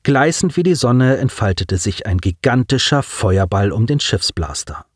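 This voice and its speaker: A man's voice: medium pitch, lively intonation, moderate pace, breathy edge, no room sound, studio quality. A man reading a science-fiction audiobook with dramatic narration.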